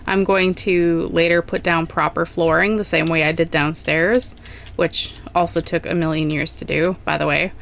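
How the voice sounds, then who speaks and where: A young adult woman giving relaxed, rambling gameplay commentary, thinking aloud as she plans. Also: lowish voice, normal speed, vocal fry, a little hiss or hum. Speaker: gaming channel host.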